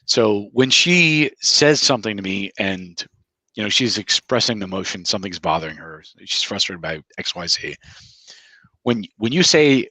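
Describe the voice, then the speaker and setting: A man's voice: fairly low pitch, lively intonation, moderate pace, sharp tone, dry recording, rough recording. A man in a casual podcast chat, giving advice in an emphatic, lecturing way and often repeating words. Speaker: podcast co-host. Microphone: headphones with mic.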